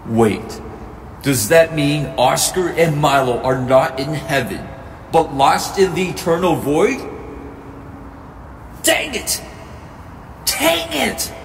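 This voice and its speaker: A man's voice: fairly high pitch, sing-song, slow, vocal fry, pauses often, reverberant, big-room sound, recorded from a distance, a little hiss or hum, exaggerated voice. A man voicing a young cartoon cat hero who is earnest, emotional and full of self-doubt. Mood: anguished. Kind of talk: animated web series dialogue. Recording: music behind the voice.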